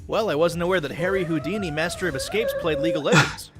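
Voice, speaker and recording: A man giving a sarcastic mock tutorial over gameplay, dry jokes breaking into gleeful shouting. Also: a little high, fast, faint music behind. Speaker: gaming video creator.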